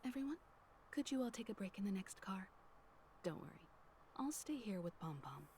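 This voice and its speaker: A woman voicing a calm, motherly older woman who leads a crew, speaking in a slow, hushed and soothing way. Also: medium pitch, slight background noise.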